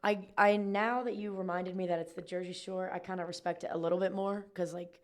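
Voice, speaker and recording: A young woman from Georgia co-hosting a podcast in casual chat, relaxed and hedging, full of "like". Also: fairly low pitch, a little fast. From Georgia, United States. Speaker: podcast co-host.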